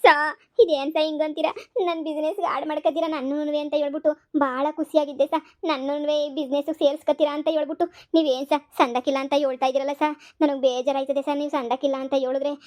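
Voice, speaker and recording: Woman doing a high-pitched village girl in a cartoon, keeps begging sir sir. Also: flat delivery, fast, few pauses, a little mellow, close to an everyday voice. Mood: pleading. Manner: begging, repeats "sir" in every line. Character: pleading young village woman selling chutney powder. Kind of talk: cartoon voice acting.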